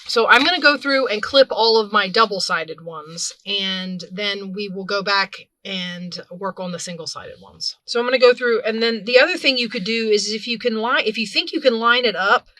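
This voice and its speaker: She's a craft video host walking viewers through a hands-on project, chatty and relaxed, her voice bright and clear in the mid range. Her pace is moderate with few pauses, and she often rephrases or fixes what she's saying mid-sentence while working. No room sound is audible.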